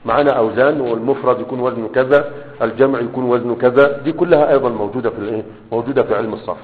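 A man with an Egyptian Arabic accent teaching a grammar lesson, often pausing on fillers and checking in with rhetorical questions. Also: medium pitch. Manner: pauses often with drawn-out fillers while writing. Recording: dull, reverberant classroom-style recording.

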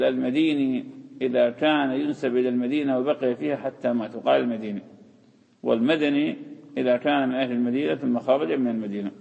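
A man's voice: medium pitch, vocal fry, a little mellow. A man teaching a religious text in a lecture, explaining terms and repeating key words. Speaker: hadith teacher. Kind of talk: classroom lecture. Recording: dull lo-fi hall recording.

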